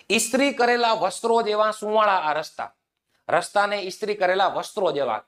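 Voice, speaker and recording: A man's voice: fairly high pitch, fairly bright tone. A man teaching a grammar lesson to students, repeating key points and asking and answering his own questions. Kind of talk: exam-prep grammar lesson.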